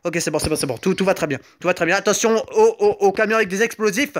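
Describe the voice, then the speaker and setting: Excitable high-voiced man joking through gameplay. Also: quick pace. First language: Italian. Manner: jokey, excitable, yelps and rambling asides. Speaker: gaming YouTuber.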